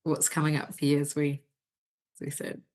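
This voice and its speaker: A woman practitioner leading a guided tapping session, giving calm, gentle instructions and phrases to repeat. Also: sits low, normal speed.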